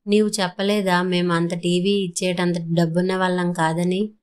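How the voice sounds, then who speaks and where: Storybook role: fretful middle-aged mother, slow, low and flat, read by a woman. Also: clear, resonant tone, lightly acted. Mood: anxious. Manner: anxious, pleading. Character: worried middle-aged mother of modest means.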